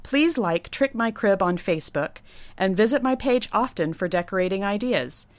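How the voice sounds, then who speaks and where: A woman's voice: medium pitch, expressive, moderate pace, no room sound. Woman, guest tips segment, upbeat scripted read, dry recording. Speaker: nursery designer.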